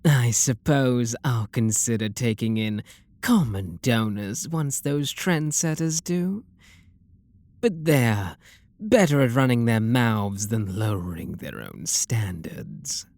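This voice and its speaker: Weary disdain colors this ASMR roleplay, where a man voices a possessive, refined vampire lord with a British accent, soft, deliberate, genteel and flirtatious. His mid-range voice is creaky with lively intonation, captured in a dry recording.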